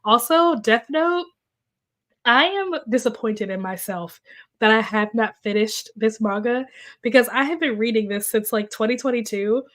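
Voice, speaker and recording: A woman's voice: fairly high pitch, normal speed, fairly bright tone. A young woman hosting a casual livestream, chatty and full of fillers, sounding congested and a little coughy as she recovers from being sick. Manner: chatty, filler-heavy, reacts to comments. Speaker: livestream host. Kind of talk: casual livestream chat, reading viewer comments. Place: at home. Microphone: desk microphone.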